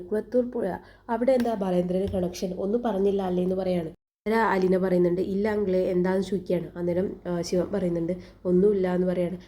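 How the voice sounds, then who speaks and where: A woman's voice: fairly low pitch, dark tone. A woman casually retelling a TV serial episode scene by scene, quoting each character's lines and tagging them with who said what. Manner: retells dialogue with "she says" tags and fillers.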